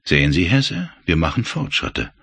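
A man voicing a cold, calculating male German major who speaks calmly and with measure. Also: sits low, vocal fry, husky, no room sound, full character voice. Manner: calm, measured, coolly soothing.

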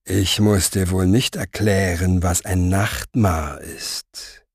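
A man voicing a scheming villain in an audiobook, speaking softly and slowly with a velvety menace. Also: medium pitch, lively intonation, no echo, studio quality. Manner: soft, velvety, slow, menacing. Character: smooth scheming male sorcerer-reader, soft-voiced and menacing.

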